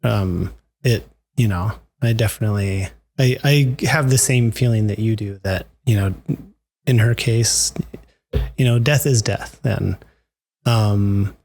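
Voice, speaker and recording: A man hosting a podcast, speaking softly and casually and agreeing often in a relaxed conversation. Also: fairly low pitch, a little slow, creaky. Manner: soft-spoken, frequent brief agreement. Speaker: podcast host.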